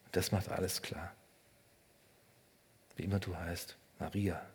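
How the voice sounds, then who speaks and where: A man preaching a sermon in short phrases, speaking straight to the listener and swinging between loud emphasis and hushed, almost whispered lines. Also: sits low, flat delivery, measured pace, vocal fry, husky. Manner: addresses the listener directly and personally. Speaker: pastor.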